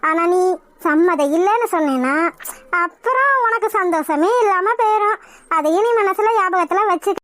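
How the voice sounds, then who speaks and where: A woman's voice: extremely high pitch, lively intonation, moderate pace, a bit bright. A woman voicing a scheming, cruel middle-aged mother-in-law in a cartoon, mocking and coolly threatening. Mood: menacing. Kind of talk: Tamil cartoon voice acting.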